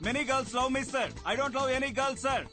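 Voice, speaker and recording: An actor playing a boastful young job candidate who speaks slow, pompous broken English over a film score. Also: male voice, very high-pitched, level tone, music in the background, full character voice. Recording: film soundtrack with background score.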